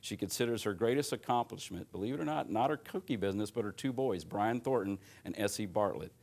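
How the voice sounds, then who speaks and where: Deep-voiced TV interview host. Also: male voice, lively intonation, fast talker, vocal fry, a little mellow. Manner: polished, encouraging, many short acknowledgments. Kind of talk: read introduction, then interview questions.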